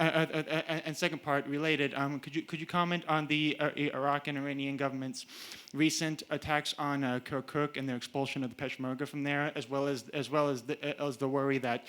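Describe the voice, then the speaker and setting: A man's voice: medium pitch, a bit bright. A man asking an unscripted question from the audience at a public talk, very hesitant, stammering over his words.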